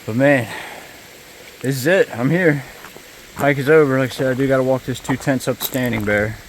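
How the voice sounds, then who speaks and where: A man's voice: mid-range voice, normal speed, slight background noise. A middle-aged man chatting casually in a vlog about his hike, talking laid-back with many fillers. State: out of breath. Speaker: hiker and vlogger. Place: outdoors on a trail.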